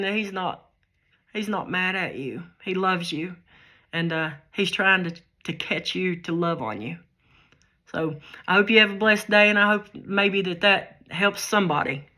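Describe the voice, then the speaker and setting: Earnest woman with a bright voice. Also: medium pitch. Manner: earnest, repeats and restarts phrases, folksy grammar. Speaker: faith vlogger. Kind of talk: heartfelt personal testimony.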